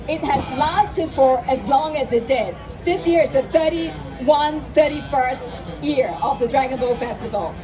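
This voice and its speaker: A woman from Hong Kong addresses a festival crowd through a microphone outdoors. Her voice sits fairly high, formal and upbeat. A busy crowd hums around her. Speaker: festival speaker and trade office director. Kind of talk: public welcome speech. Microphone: handheld microphone over a PA. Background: crowd noise.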